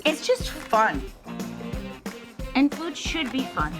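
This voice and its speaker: Woman, middle-aged, cooking show host, chatty and enthusiastic, unhurried delivery, slightly high voice. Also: very animated, loud music behind the voice. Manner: chatty, enthusiastic, talks to the viewers. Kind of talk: casual cooking demonstration. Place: studio kitchen.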